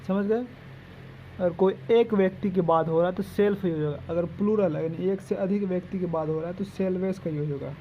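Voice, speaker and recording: A man teaching English grammar in Hindi, repeating each point slowly and spelling out example sentences. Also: sits high, warm tone. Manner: repetitive, drawn-out explanations. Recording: dull lo-fi recording with faint noise.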